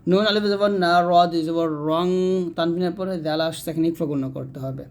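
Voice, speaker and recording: Man teaching slow spelled-out recitation. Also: fairly high pitch. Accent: Bangladeshi Bengali. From Bangladesh. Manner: slow, spells letters syllable by syllable, then chants verses. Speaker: Quran reading teacher.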